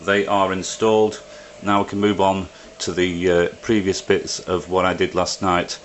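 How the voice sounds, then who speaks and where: A man narrates an informal how-to video indoors next to a printer, walking through hands-on work step by step in plain language. His voice sits low with little pitch movement, he speaks at normal speed, and there's slight background noise.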